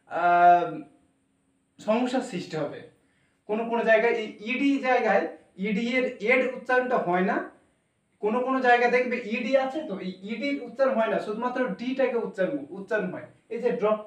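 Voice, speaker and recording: A man with a Bengali accent gives a spelling and pronunciation lesson, talking through each step with little fillers. His voice sits high. It reaches the mic from across an echoey classroom. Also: far from the mic. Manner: explains step by step, spells words letter by letter with fillers. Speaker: English teacher.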